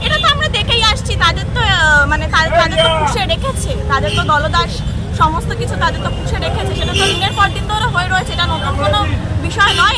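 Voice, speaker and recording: A woman, a local activist, speaking off the cuff in a protest interview. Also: extremely high pitch. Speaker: local committee member, protester. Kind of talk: spontaneous political protest interview. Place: outdoors on a road. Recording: loud street crowd and traffic.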